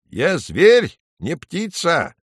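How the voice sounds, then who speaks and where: A small chattering bat, voiced by a man reading a storybook, speaking eagerly. The voice is pitched up above his own and bounces lively. The sound is dry and close. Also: very slow, husky, no room sound, exaggerated voice. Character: small chirping female bat.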